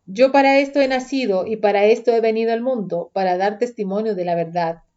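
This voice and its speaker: A woman reading the part of Jesus as a grown man, slow and grave, softer and lower than her narration. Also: dull audio, natural voice. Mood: solemn.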